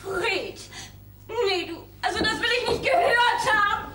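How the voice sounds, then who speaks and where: A woman's voice: high voice, animated, pushed and bright, slight background noise. An actress playing a clingy, theatrical young woman, pleading and reproachful, recorded live on a roomy stage from a distance. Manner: pleading, theatrical, quick to tears. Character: clingy, dramatic young woman, jilted girlfriend.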